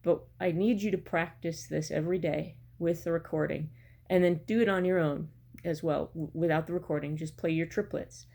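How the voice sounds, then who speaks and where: Lower-voiced middle-aged woman teaching music. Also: steady tone, normal speed, warm tone. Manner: step-by-step, counting out beats. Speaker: bagpipe practice chanter teacher. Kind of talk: instructional music lesson to camera. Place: small room at home, indoors. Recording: clear background noise, home recording. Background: metronome clicks at times, room noise.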